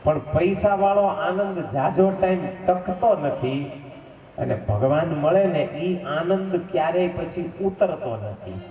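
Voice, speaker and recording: A man's voice: on the high side, lively intonation, slow pace, echoey room, long reverb tail. Preacher man telling scripture stories, far from the mic, dull lo-fi sound w faint music. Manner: fervent, storytelling with asides to the audience. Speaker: religious storyteller. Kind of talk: devotional scripture discourse. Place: temple hall at a festival.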